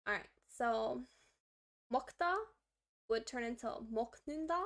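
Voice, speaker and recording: A woman streaming her language study reads the lesson out loud in a slightly bright, higher voice, a little fast. In an upbeat way she chats to herself as she writes out examples.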